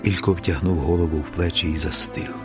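A man narrating an audiobook in a measured, unhurried way. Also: sits low, fairly even intonation. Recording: dry voice over faint music.

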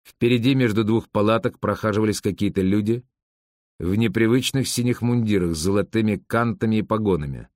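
A man reads an audiobook with a lowish voice and a steady, even delivery. The sound is dry and close to the mic, with no room around it. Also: fairly quick, dry recording. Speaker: narrator. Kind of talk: audiobook narration.

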